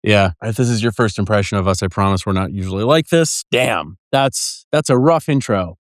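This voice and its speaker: A man's voice: fairly low pitch, normal speed, no room sound, studio quality. A man co-hosting a podcast in casual chat, swearing often and poking fun at himself. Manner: profane, self-deprecating, jokey. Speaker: podcast co-host.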